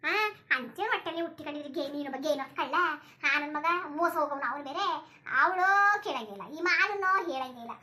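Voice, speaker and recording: A woman voicing a bald, sharp-tongued old village grandmother in a cartoon, who scolds nonstop in rural Karnataka Kannada. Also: high voice, steady tone. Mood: lamenting. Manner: scolding, rapid-fire, crude rural Kannada. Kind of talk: cartoon voice acting.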